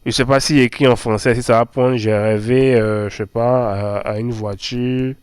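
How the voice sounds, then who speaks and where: A man's voice: medium pitch, fairly even intonation, normal speed, clear, resonant tone, dry recording. A man hosting a tech channel, walking through phone apps on screen in a chatty way, full of fillers and repeated words. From Ivory Coast. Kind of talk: screen-recorded app walkthrough.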